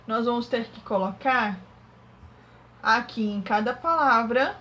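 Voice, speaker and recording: A woman teaching a young class remotely, working through exercises step by step and sounding out syllables slowly. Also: on the high side, fairly bright tone, dull audio, slight background noise. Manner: slow, syllable-by-syllable dictation. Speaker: primary school teacher.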